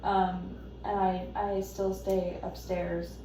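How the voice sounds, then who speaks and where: Woman acting as worried caregiver wife, halting n defensive, far from mic, super echoey noisy room. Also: fairly low pitch, flat delivery, dark tone. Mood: anxious, apologetic. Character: anxious, devoted wife caring for her husband. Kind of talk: role-play counselling session.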